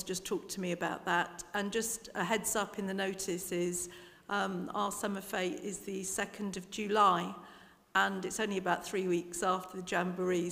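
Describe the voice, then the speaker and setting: Woman, flat delivery, informal notices, reverberant hall. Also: medium pitch. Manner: informal, talking from memory. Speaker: church member giving notices. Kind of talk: church notices.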